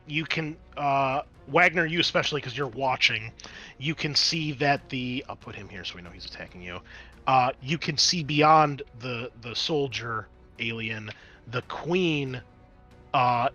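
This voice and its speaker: With music in the background and dull-sounding audio, a game master for a tabletop RPG speaks a little slowly at medium pitch. His talk is casual, sprinkled with swearing and muttered asides as he operates the game software.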